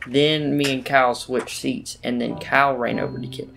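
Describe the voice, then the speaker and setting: A man's voice: medium pitch, fairly even intonation, normal speed, vocal fry, a crowd in the background, natural voice. A man voicing a rowdy, dim-witted redneck in an improvised video game role-play, rambling and repeating himself. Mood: dim, boastful.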